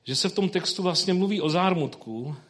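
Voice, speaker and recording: A man's voice: sits high, fairly bright tone. A man preaching who first reads a Bible passage, then talks it over in loose, conversational speech full of fillers. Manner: reads scripture slowly, then preaches informally with colloquial fillers. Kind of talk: sermon with scripture reading.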